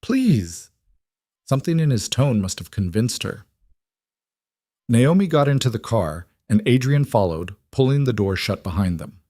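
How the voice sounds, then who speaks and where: A man giving scripted narration of a romance drama in a measured, dramatic storytelling manner. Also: medium pitch, lively intonation, warm tone, dry recording, studio quality.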